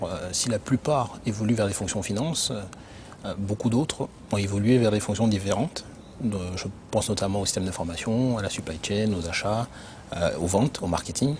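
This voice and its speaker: A man who grew up in Benin, an internal auditor answering interview questions in a measured, explanatory way with frequent hesitations. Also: on the low side, a little mellow, a little hiss or hum. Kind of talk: corporate career interview.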